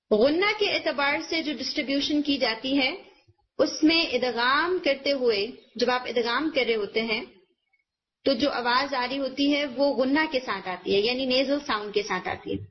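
A woman teacher giving a recorded lesson on recitation rules, explaining patiently step by step and slowing down to demonstrate each sound. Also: sits high. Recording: muffled lo-fi recording.

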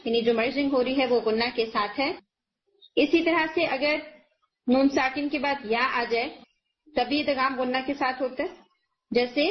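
High-voiced woman teaching patiently. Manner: patient, step-by-step explaining, slows to demonstrate sounds. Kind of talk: recorded lesson on recitation rules. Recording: muffled lo-fi recording.

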